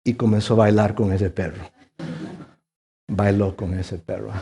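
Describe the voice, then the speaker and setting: A middle-aged male pastor preaching a sermon, rising to loud emphatic peaks and dropping to hushed tones, often tossing in a questioning "ah?" to the congregation. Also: on the low side, flat delivery, unhurried, gravelly. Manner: swings between loud emphatic rises and hushed quiet passages; punctuates points with questioning "ah?" tags.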